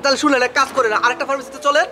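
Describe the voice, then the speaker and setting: A brisk urging rickshaw puller. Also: male voice, very high-pitched, level tone, noisy background. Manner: coaxing, dialect words. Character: helpful rickshaw puller with rough local speech.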